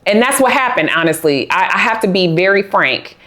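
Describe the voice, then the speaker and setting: A middle-aged woman co-hosting a podcast, excitable and quick to laugh, chatting casually while recording on location. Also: medium pitch. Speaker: podcast co-host. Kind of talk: casual chat. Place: on location, not in a studio.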